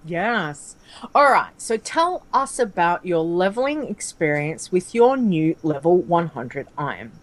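A woman's voice: fairly low pitch, very animated, measured pace. A woman co-hosting a casual gaming podcast, upbeat and chatty, reading listener answers aloud. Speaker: podcast co-host.

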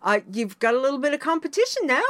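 A woman's voice: sits high, very animated, fast, no echo. A woman hosting a show in casual chat, often repeating her phrases for emphasis. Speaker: show host.

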